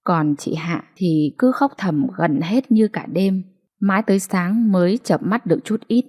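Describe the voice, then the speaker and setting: A woman's voice: lowish voice, unhurried, darkish tone, slightly rough. Woman narrating a late-night story. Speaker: audiobook narrator.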